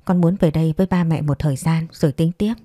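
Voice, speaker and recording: A woman's voice: sits low, steady tone, fast talker, mellow, no room sound, studio quality. A woman voicing a resolute young mother in a read-aloud story, firm and earnest.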